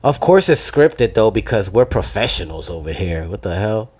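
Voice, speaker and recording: Husky and darkish, his voice sits on the low side and is very animated at a normal speed. He's a young Dominican American podcast host from New Jersey, trading casual, profane banter peppered with Spanish.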